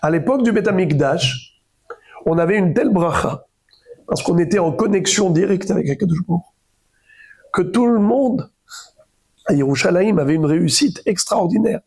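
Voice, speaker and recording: Rabbi guy teaching talmud, kinda husky and high pitched, gets loud then whispery. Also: moderate pace, long pauses. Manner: animated storyteller, voice rising and dropping to near whispers. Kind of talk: Talmud lesson, retelling stories.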